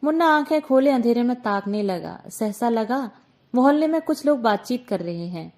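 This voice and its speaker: Female storyteller, expressive read-aloud narration, voice a touch high. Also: moderate pace. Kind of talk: scripted narration of a short story.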